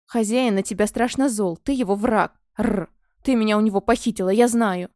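A woman's voice: medium pitch, moderate pace, darkish tone, no echo, clean studio sound, close to an everyday voice. A woman growling as a rude, skittish male dragon. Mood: grumbling. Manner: growling, hissing.

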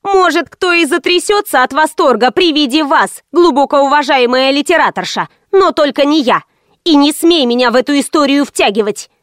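A woman voicing a brash, sharp-tongued female hairdresser who talks quickly and scornfully. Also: high-pitched, expressive, no room sound, studio quality.

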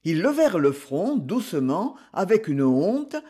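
Man reading a novel slowly, husky. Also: high-pitched. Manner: measured, expressive reading. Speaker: audiobook reader. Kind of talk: scripted narration of a novel.

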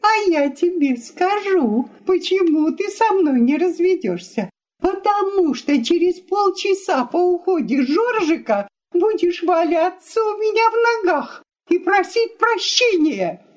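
Tearful, indignant wife, high and swooping, played by a woman reader. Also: animated, unhurried.

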